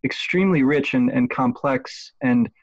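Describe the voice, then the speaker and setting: A man in a relaxed conversation, thinking aloud about a poem with frequent pauses and restarts. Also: mid-range voice. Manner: hesitant, many restarts and ums. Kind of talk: thoughtful conversational close reading. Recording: dull lo-fi dry sound.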